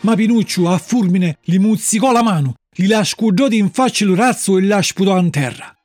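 A man telling a storybook tale in lively narration. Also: sits high, moderate pace, no room sound, studio quality, faint music behind.

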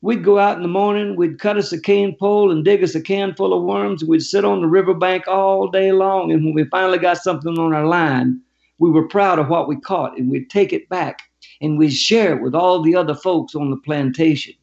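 A man voicing a wary, gruff older homeless man from Louisiana, with a gravelly voice. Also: high-pitched, steady tone, fairly quick, darkish tone, dull audio. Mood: earnest.

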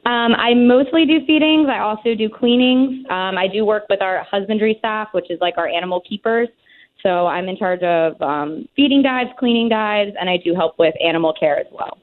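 A woman's voice: mid-range voice, normal speed. Young woman calling in on a thin phone line, chatty and friendly, casual talk. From Maryland, United States. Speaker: caller, aquarium scuba diver. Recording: narrow tinny phone line.

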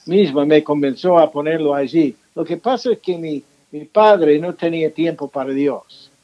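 A man being interviewed about his book, talking slowly through many fillers and restarts. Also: fairly high pitch, dull audio. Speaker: author and pastor guest. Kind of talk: interview conversation.

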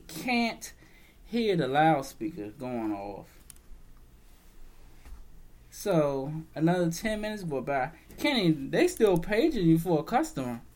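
A young man, a store manager, telling a work story in a casual, profane, exasperated rant. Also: a little high.

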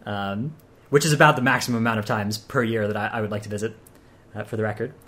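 A man's voice: fairly low pitch, fairly even intonation, quick pace, fairly bright tone. A man hosting a podcast, chatting casually with lots of hesitations and fillers. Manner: rambling, hesitant with many fillers. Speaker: podcast host.

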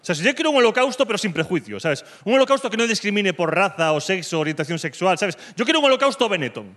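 A man with a Spanish accent from Spain performs stand-up, throwing out provocative dark humor that lurches from mock calm to loud. He has a high-pitched voice and talks fast.

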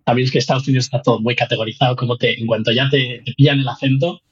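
This Spanish-accented guest researcher from Spain speaks rapid-fire in a steady, mid-range voice with a breathy edge. Chatting animatedly in a casual interview, he laughs frequently and restarts sentences. The high frequencies of the recording are cut off.

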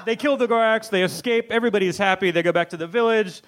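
A man's voice: sits high, fast talker, fairly bright tone. A man hosting a casual, comedic film recap chat in a wry, jokey manner, often laughing as he talks. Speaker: podcast host recapping a film.

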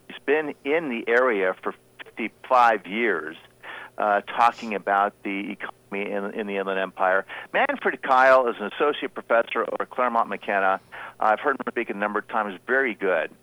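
A man's voice: medium pitch, no room sound, muffled recording. A man talks money and jobs on a morning radio show. He is chatty and jokey and trips over his figures now and then. His voice comes across dry and close to the mic. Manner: chatty, joking, stumbles over numbers. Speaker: guest banker. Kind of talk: casual radio talk on the economy.

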